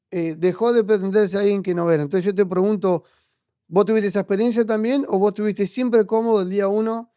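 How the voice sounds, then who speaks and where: High, clear Argentine man interviewing. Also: mellow, no echo, studio quality. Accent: Argentine Spanish. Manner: reflective, hesitant, restarts often. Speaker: podcast host. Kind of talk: conversational interview.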